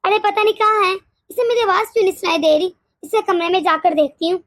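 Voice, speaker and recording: A woman voicing a harsh, scolding older mother-in-law in an animated story, nagging and sharp-tongued. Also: very high voice, fast talker, no echo, studio quality.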